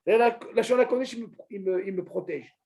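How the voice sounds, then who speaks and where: A man teaching an informal religious lesson to a small group, animated, asking questions and calling on a student by name. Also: sits high, brisk, vocal fry. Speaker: Torah teacher.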